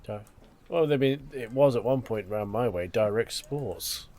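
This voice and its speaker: A man's voice: mid-range voice, measured pace, dark tone. A man playing a tabletop game, trading dry, wry banter. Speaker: player. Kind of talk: casual chat during a tabletop game.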